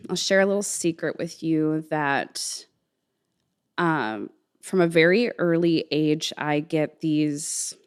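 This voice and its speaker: A woman with a low-pitched voice speaks as a musician guest in a casual interview. She is earnest and reflective, phrasing her thoughts informally as she works them out. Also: clear, resonant tone. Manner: informal, earnest, thinking aloud.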